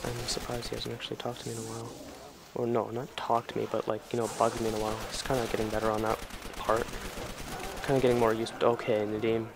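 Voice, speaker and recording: A teenage boy rambles through casual gameplay commentary, chatty and loose with his swearing. His voice sits at an ordinary middle pitch with little rise and fall. Loud game gunfire and ambience run beneath his mic. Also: monotone, fast, gravelly, noisy background. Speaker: gamer. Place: home, at night. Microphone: desk or headset mic. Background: video game gunfire and ambience.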